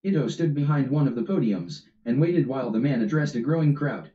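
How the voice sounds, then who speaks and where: A man's voice: medium pitch, animated, fairly quick, dark tone. A man reading a comedic story aloud in a casual, amused way, recorded distant and roomy. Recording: roomy, distant, dull audio.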